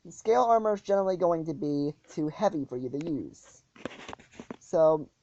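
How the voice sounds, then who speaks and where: Low-pitched woman explaining a game, lots of ums, muffled lo-fi sound. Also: animated, moderate pace. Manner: hesitant, many ums and restarts. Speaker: gaming channel host. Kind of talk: casual gameplay walkthrough. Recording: dull lo-fi audio with loud noise.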